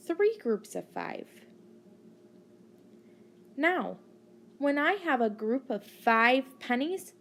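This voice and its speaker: A woman teacher narrating a maths lesson for children, deliberately teaching a child to count and putting questions to the listener. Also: high-pitched, fairly bright tone, slight background noise. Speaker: primary school maths teacher.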